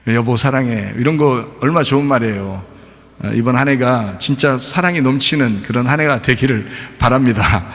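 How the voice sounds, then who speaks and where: A middle-aged male pastor preaching a sermon in a folksy, animated way, acting out quotes with laughter. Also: mid-range voice, fairly quick. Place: large church hall. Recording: reverberant church hall.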